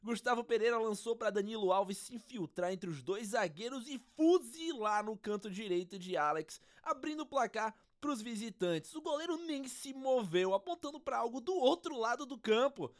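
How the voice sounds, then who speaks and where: A performer playing an excitable football radio commentator in explosive goal commentary, with drawn-out shouts. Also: mid-range voice, natural voice. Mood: explosive excitement.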